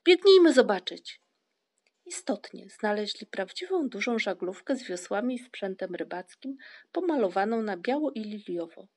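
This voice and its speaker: Calm woman reading a storybook. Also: mid-range voice, normal speed. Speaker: narrator. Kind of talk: audiobook reading.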